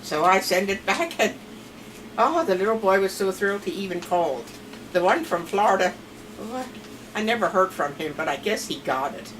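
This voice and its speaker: The recording, made on a distant mic with clear background noise, features a grandmother in her seventies chatting through family stories at home. Her Pennsylvania Dutch accent comes through in an expressive, mid-range voice at normal speed as she rambles in the interview.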